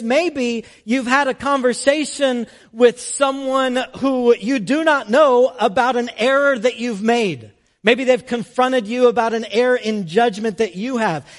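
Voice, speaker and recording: High-voiced young preacher telling a story. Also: male voice, a bit bright. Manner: storytelling, with frequent "like" fillers. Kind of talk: conversational sermon.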